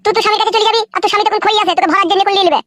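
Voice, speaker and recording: A woman's voice: very high voice, fairly even intonation, a bit bright, no echo. A woman voicing a poor young village husband who argues and pleads in a comic cartoon. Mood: accusing. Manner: rapid, pleading and quarrelsome. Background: light music.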